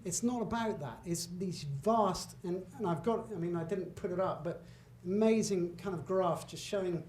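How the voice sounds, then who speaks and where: A middle-aged British guest lecturer, chatty and emphatic, gives a public slide lecture in a roomy hall where a faint hum and echo linger. His high-pitched, slightly mellow voice moves at a normal speed, broken by asides and self-corrections.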